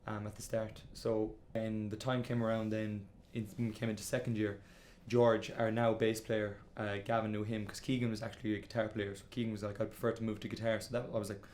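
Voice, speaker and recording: This Irish man in his twenties, singer and guitarist of a band, recounts his story in a relaxed interview, leaning on words like "kinda" and "like." He speaks on the low side with a flat, fairly quick, somewhat mellow delivery and few pauses, with some background noise.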